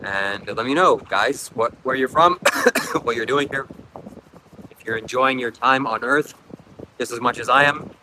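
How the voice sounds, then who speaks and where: Hosting a beach livestream outdoors with faint wind behind him, a Ukrainian-accented man for whom English is a second language chats casually, reads comments, coughs often and rambles reflectively. His mid-range voice is unhurried, with long pauses.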